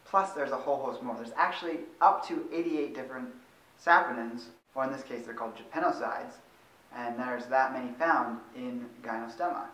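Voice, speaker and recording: A man's voice: medium pitch, moderate pace, a bit bright. A man talks through a tonic herb at his own pace, conversational and a little loose, correcting himself here and there. His voice sits in an ordinary middle register. The sound is roomy, picked up from some distance away. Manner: conversational, with fillers and self-corrections. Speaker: host of a longevity channel. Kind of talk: casual informative monologue.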